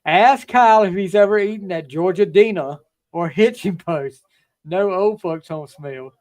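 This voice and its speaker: A man's voice: high-pitched, measured pace, darkish tone. A man co-hosting a casual watchalong, reading viewer comments aloud in a loose, joking way while his mic crackles and keeps cutting out. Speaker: co-host of a wrestling watchalong. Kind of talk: casual chat.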